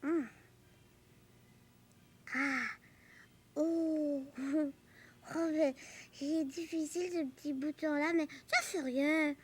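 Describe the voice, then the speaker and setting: An actress voicing a lively, curious little girl on a children's TV show. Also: high voice, slow, long pauses, a little hiss or hum. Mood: determined. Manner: eager, childlike, bragging. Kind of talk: children's TV acting.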